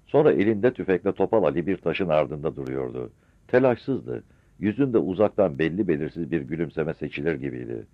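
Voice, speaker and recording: A man's voice: very deep voice, animated, a little fast, hardly any pauses, dry recording. A man narrating a story expressively in a dull, dry old radio recording.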